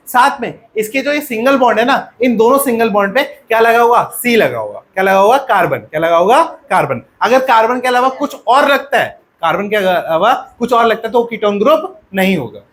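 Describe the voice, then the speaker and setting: High-voiced man teaching a class. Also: a bit bright. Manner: asks the class questions and repeats answers. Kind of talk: classroom lecture to students. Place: classroom with pupils.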